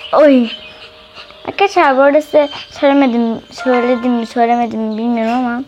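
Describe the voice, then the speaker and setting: Female let's-play host, high and bright-pitched, excitable and chatty, game music playing behind her. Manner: excitable, often shrieks and laughs while playing; chatty, keeps addressing viewers directly. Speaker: gaming channel host.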